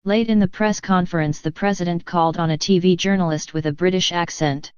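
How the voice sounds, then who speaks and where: A woman reading scripted news narration in an even, measured way. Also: on the low side, smooth, dry recording, muffled recording.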